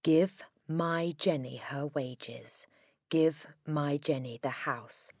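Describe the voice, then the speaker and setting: A woman voicing a menacing ghost of a dead man in a children's storybook, in a hushed, breathy, ominous whisper. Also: deep voice, slow, no echo, clean studio sound, exaggerated voice. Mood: threatening.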